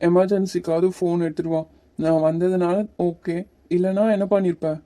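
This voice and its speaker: A woman voicing a calm, teasing young male hero in a cartoon series. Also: on the low side, fairly quick, dry recording, lightly acted. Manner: teasing, patient, a little bossy. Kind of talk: Tamil cartoon series voice acting.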